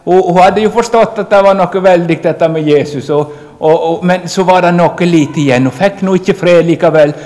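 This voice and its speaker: A man delivers an earnest, emphatic sermon and speaks straight to his listeners. His voice sits a little high for a man. It carries a long hall reverb. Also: few pauses, darkish tone. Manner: earnest, emphatic preaching, addressing the congregation directly. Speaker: preacher.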